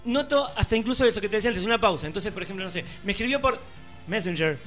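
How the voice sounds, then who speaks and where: A man's voice: high-pitched, animated, very fast, music in the background. An Argentine man on a podcast, explaining himself curiously with small hesitations in casual chat.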